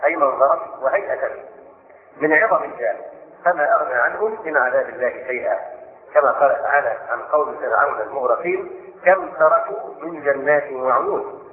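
An older man teaches scripture at a brisk clip, slowing only to recite the verses he quotes. His voice sits in an echoey room and comes through a thin, phone-like line. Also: medium pitch. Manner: quick explanatory delivery, slows to recite verses. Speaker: Islamic scholar giving Quran commentary. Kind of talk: spoken Quran commentary lesson.

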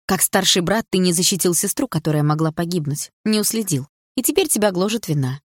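A woman voicing a proud, sharp-tongued schoolgirl in an audiobook, blunt and indignant. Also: fairly low pitch, animated, fairly quick, breathy edge, no echo, studio quality.

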